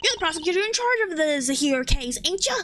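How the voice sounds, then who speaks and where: A woman's voice: extremely high pitch, sing-song, fast talker, bright, forceful tone, slight background noise, exaggerated voice. A woman reading the lines of a brash, pushy male journalist from a game, with folksy, informal talk.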